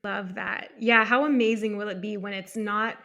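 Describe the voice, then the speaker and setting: A woman's voice: mid-range voice, fairly even intonation, moderate pace, vocal fry, bright, forceful tone. A woman hosting an interview podcast, affirming her guest and asking follow-up questions. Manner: affirming, encouraging, frequent agreement sounds. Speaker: podcast host.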